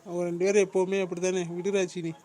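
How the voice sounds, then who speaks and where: A performer voicing a calm middle-aged father in a comedy cartoon, asking what the fuss is. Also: medium pitch, fast, lightly acted.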